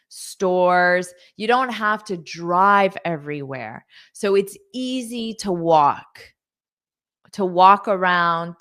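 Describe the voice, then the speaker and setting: A woman with a fairly low, slightly bright voice teaches English in a live online lesson, reading viewer comments aloud, patiently repeating words, and praising her students.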